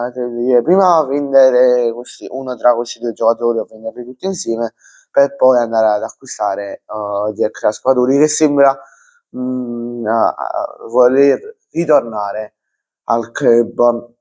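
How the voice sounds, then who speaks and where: A young man talks through football transfer news on his own channel, slowly and unscripted. His pitch sits in an ordinary middle range, and he stumbles often, filling gaps with hesitations and restarting words. It is a casual, homemade rundown. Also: steady tone, darkish tone, low-quality recording. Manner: hesitant, many fillers and restarts.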